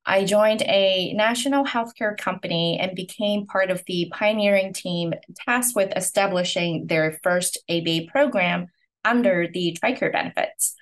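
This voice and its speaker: A woman in her forties from Hong Kong, a podcast guest telling her career story with earnest, steady answers and frequent pauses. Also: mid-range voice. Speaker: podcast guest, clinic owner. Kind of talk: conversational interview answers.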